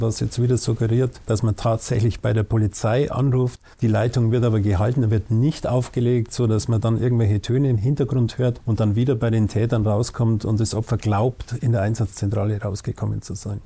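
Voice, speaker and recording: Cop explaining scam calls, really dark mellow voice, measured. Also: male voice, medium pitch, gravelly. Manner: measured, factual. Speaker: police investigator. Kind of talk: expert explanation in a talk show.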